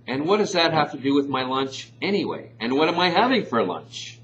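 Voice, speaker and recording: Middle-aged male spokesman, playful and animated demo patter, lo-fi sound. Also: mid-range voice. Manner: jokey, animated, talks with mouth full at times. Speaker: company spokesman. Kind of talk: playful sales demo talk. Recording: dull lo-fi sound with faint hum.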